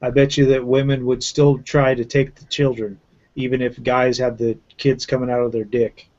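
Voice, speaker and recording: A man's voice: mid-range voice, level tone, moderate pace, a little mellow, dull audio. A male host giving blunt, opinionated remarks in a casual group chat over a video call. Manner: blunt, opinionated, laughs along.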